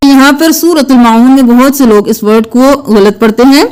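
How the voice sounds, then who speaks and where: A woman teaching tajweed, who gives quick explanations and then chants the verses slowly and melodically. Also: sits high, a little mellow, clean tone. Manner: quick explanations alternating with slow drawn-out melodic recitation. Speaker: Quran recitation teacher. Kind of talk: tajweed lesson with slow chanted recitation.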